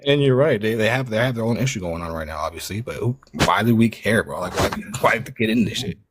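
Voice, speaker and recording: A man's voice: lowish voice, animated, quick pace, noisy background. A man from Guatemala calling in to a live online discussion, talking back in a casual, defiant way. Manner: casual, defiant, says "bro" a lot. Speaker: caller on a live panel.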